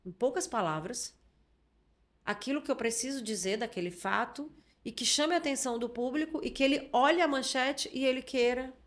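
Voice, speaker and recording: A woman's voice: sits high, normal speed. A woman journalist with a Brazilian Portuguese accent, explaining her views in a casual interview and often checking in with the listener. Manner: explanatory, lots of filler tags and restarts. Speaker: journalist guest.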